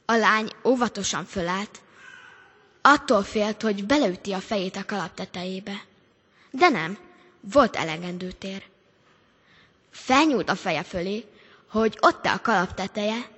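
A woman's voice: mid-range voice, long pauses, fairly bright tone, husky, big-room sound. Woman reading a fairy tale expressively. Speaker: storyteller in a family service. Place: church.

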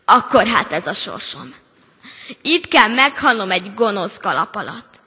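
A woman reading a storybook aloud and voicing a stubborn, defiant young girl in a raised, loud voice. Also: medium pitch, big pitch swings, husky, big-room sound, exaggerated voice. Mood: despairing.

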